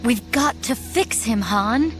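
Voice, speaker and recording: An actress playing a concerned, decisive young princess in an audio drama. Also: female voice, a little high, expressive, slow pace, fairly bright tone. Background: music.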